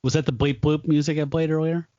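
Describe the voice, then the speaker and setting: A man hosts a relaxed film podcast, rambling with easy laughs. His voice sits a little high. The sound is dry and close, slightly dull in tone. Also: quick pace, no echo. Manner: laughs often, loose and rambling with fillers. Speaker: podcast host. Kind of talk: casual chat about a film.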